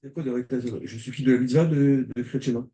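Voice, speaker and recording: A man's voice: medium pitch, steady tone, fast talker, mellow. A male student in a class discussion, asking questions and stumbling over his words.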